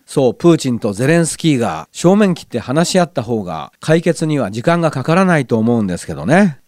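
A man's voice: medium pitch, very animated, fast, darkish tone, no room sound, studio quality. A middle-aged man hosting a local radio show, chatting casually in a musing way, with wry asides. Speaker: radio host. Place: radio studio.

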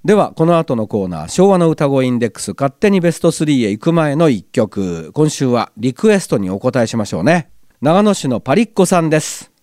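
A man's voice: medium pitch, sing-song, a little fast, darkish tone, dry recording. A man hosting a community radio show, chatting casually and reading listener letters aloud in a studio. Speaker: radio host. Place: glass-walled studio in a cinema. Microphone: studio mic.

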